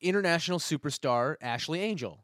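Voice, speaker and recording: A man hosting a casual podcast, rambling and joking, often trailing off quietly. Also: a little high, expressive, brisk, no echo, clean studio sound. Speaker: podcast host. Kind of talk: casual chat.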